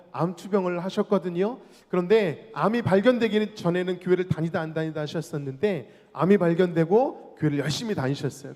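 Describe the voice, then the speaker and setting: A male pastor preaching an evangelistic sermon, telling a personal story earnestly and addressing the congregation directly. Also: high-pitched. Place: church sanctuary. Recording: long church reverb with music underneath. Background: soft worship music.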